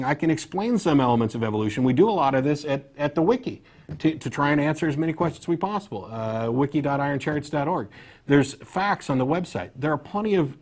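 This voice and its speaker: Blunt, higher-pitched male call-in host. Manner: blunt, emphatic, argumentative. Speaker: talk show host. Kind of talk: live call-in debate.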